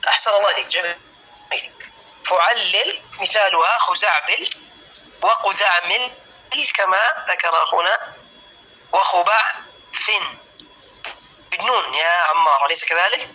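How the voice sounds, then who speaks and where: A man teaching a classical Arabic lesson, slowly spelling out word patterns syllable by syllable and calling students by name. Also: sits high, bright, forceful tone, slight background noise, rough recording. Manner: addresses students by name, asks if clear.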